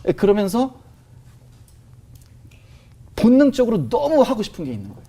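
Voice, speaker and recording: A man sharing a personal testimony in conversation, telling it in an animated way with many fillers. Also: high-pitched, normal speed, husky.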